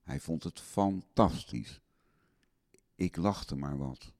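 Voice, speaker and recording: Slow, deep-voiced man speaking tenderly. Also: darkish tone. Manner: tender, longing and melancholy. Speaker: husband recording a letter to his wife. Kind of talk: spoken audio letter on tape.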